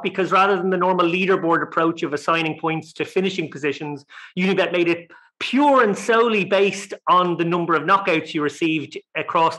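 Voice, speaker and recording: A man's voice: sits high, sharp tone. A man hosting a podcast in an upbeat, playful way, with the big echo of a large empty tiled room. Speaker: podcast host.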